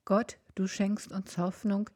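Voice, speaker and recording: Slow, gentle woman telling a Bible story. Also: mid-range voice, flat delivery, husky, no room sound, clean studio sound. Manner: gentle, earnest, speaks to children. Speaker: children's service leader. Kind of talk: first-person Bible storytelling for children.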